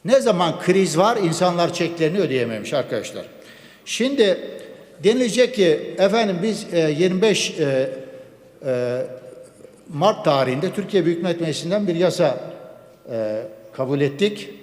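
A man addresses a large chamber from the rostrum microphone, his slightly raised voice carrying a long hall echo. He speaks in a measured, formal way, piling up laws, dates and statistics. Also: a little high, sing-song, a little mellow. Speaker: member of parliament. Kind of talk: formal parliamentary speech.

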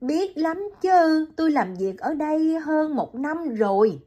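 A woman voicing a worried young clinic assistant in an audiobook, asking soft, cautious questions. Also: high voice, expressive, slow pace, muffled recording, pitched above the performer's own voice. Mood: concerned.

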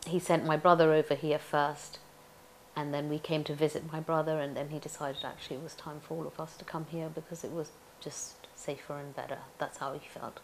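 A woman's voice: low voice, level tone, brisk, a little hiss or hum. A middle-aged woman from Tanzania, an actress, reminiscing in an oral history interview, chatty and reflective with frequent laughs.

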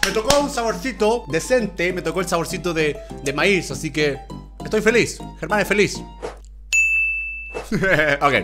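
A young man talking casually to camera, animated and exclaiming as he reacts. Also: high voice, normal speed, over loud music. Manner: animated, exclaims and groans at gross flavors. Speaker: YouTuber. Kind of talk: casual vlog, challenge commentary.

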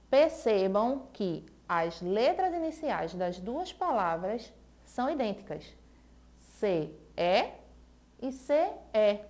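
A Brazilian woman teaching on an educational TV program, her voice sitting a little high and rising and falling a lot. She takes her time, spelling words out letter by letter so every sound is clear. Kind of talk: televised adult-education lesson.

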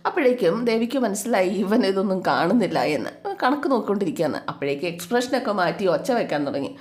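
A woman's voice: mid-range voice, sing-song, fast talker, a little mellow. Chatty woman storyteller. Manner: chatty, amused asides to listeners. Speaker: storyteller recapping a family serial. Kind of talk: casual storytelling narration.

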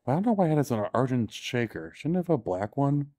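Walking through a big indoor exhibition hall full of cars, this tour guide and author gives casual, enthusiastic commentary and corrects himself as he goes. He talks fast in a mid-range, sing-song, mellow voice, with clean studio sound.

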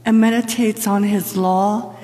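A woman reads scripture at a lectern, slow and unhurried in a solemn, measured way. Her voice is mellow and soft-edged, and the long reverb of a big church hangs after every phrase. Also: medium pitch, fairly even intonation, slight background noise. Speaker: lector. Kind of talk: liturgical scripture reading. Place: large church sanctuary. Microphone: lectern microphone from a far camera.

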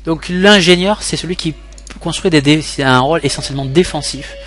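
A man's voice: a little high, fairly quick, a bit bright. A young man from France talking through gameplay as a tutorial host, rambling with many fillers and restarts. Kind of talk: casual gameplay commentary tutorial.

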